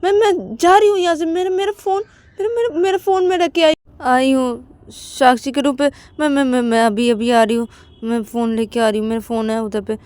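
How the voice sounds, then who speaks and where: A woman's voice: high-pitched, steady tone, a little fast, darkish tone, no room sound, voice pushed up, close to an everyday voice. A woman voicing a bossy young woman who playfully scolds her lover, stammering and repeating words. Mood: fussing, scolding. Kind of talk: storytelling role-play.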